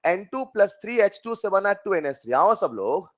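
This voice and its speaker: A man, coaxing dear children with question after question. He jumps into loud, animated emphasis on the key points. The sound is dull and lo-fi. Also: high-pitched, moderate pace. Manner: coaxing, repeats questions to students, calls them dear children. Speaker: chemistry teacher. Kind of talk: online class lecture.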